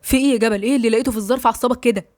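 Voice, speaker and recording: A woman with an Egyptian accent voicing a calm, loyal young man who soothes his friend briskly. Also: fairly high pitch, no room sound, studio quality, close to an everyday voice. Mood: concerned.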